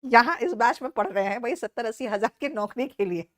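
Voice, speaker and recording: Hindi-speaking woman teacher, lively scolding lecture. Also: a little high. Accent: Indian English. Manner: scolding, teasing students, calls them beta; slow, deliberate reading of English example sentences. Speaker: English teacher. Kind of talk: online class lecture.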